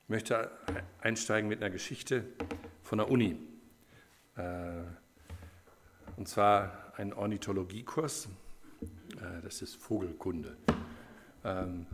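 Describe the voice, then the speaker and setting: A man preaches in an informal, conversational way, telling a story to his congregation with frequent filler sounds. His voice is fairly low and carries a gravelly fry. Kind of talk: sermon.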